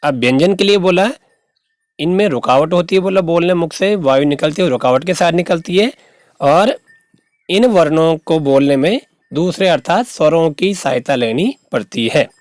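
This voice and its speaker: A man's voice: fairly high pitch, animated, normal speed, dry recording. A male school teacher giving a patient grammar lesson to young students, repeating terms and asking rhetorical questions.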